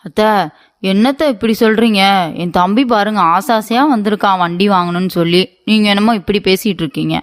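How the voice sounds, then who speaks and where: A woman's voice: mid-range voice, brisk, close to an everyday voice. A woman voicing a sulky, demanding young wife in a cartoon comedy, pleading and whiny.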